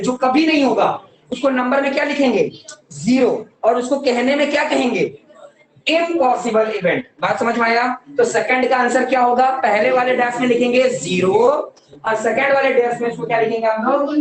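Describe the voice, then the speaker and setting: A woman teaches a classroom lesson in a fairly high voice, checking often that students follow her. She slows right down whenever she dictates a definition. She is heard from across a very echoey room. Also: far from the mic. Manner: mixes Hindi with English terms, asks students frequent questions. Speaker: maths teacher. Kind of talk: classroom lecture.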